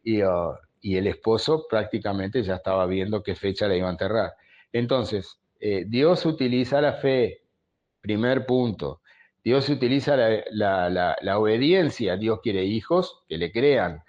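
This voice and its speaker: A man's voice: fairly low pitch, expressive, unhurried, a little mellow, dull audio. A man, a pastor preaching conversationally and telling stories, often tagging phrases with a questioning aside. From Uruguay. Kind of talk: storytelling sermon.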